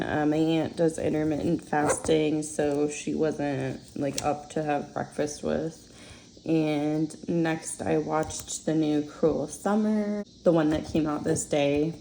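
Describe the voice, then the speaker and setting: Young woman planner vlogger, low and gravelly, unhurried chatty voice-over, faint hiss behind. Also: rough recording. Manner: chatty, relaxed, many fillers and soft laughs. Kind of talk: casual voice-over while decorating a planner.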